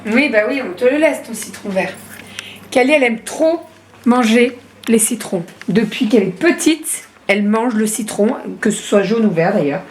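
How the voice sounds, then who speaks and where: A woman's voice: a little high, lively intonation, normal speed, darkish tone, a little hiss or hum. A woman vlogging about her family life from her home kitchen, rambling casually with lots of hesitations and self-corrections. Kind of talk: casual home vlog chat.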